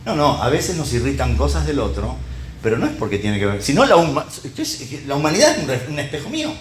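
A middle-aged man with a Rioplatense Spanish accent delivers a conversational sermon, peppering his listeners with rhetorical questions and little check-ins. His medium-pitched voice is fast and sing-song, the room is reverberant, and there's a slight hiss or hum.

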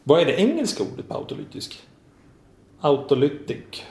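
A man's voice: on the high side, darkish tone, reverberant. A man co-hosting a podcast who chats casually, teasing and asking probing questions. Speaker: podcast co-host. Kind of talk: casual chat.

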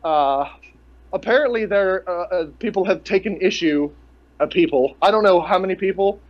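A man's voice: high voice, moderate pace. A man co-hosting a casual podcast, rambling and ranting with sarcastic, profane asides. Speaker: podcast co-host. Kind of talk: casual rant about pro wrestling. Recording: dull lo-fi podcast audio.

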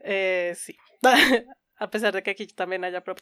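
A woman's voice: mid-range voice, measured pace, pushed and bright, clean tone, dry recording. A woman co-hosting a podcast in casual chat, giggly and informal, often poking fun at herself. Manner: giggly, frequently laughing. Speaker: podcast co-host.

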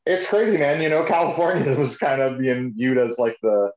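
A man co-hosts a podcast in a loose, informal chat about music, talking as if to a pal. His voice sits at a middling pitch. The sound is echoey and slightly dull. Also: normal speed, darkish tone. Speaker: podcast co-host.

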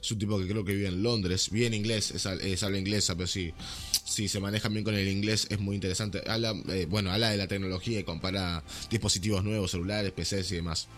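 Young rioplatense guy ranting on his podcast, lowish voice, slangy and worked up, bit of music behind. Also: fast. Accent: Rioplatense Spanish. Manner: animated ranting with slang and laughter. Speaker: podcast host. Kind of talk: casual podcast chat.

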